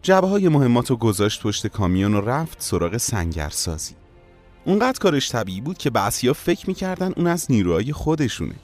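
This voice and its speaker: A man narrating a war memoir in a solemn, storytelling manner, as scripted narration. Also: mid-range voice. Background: faint music.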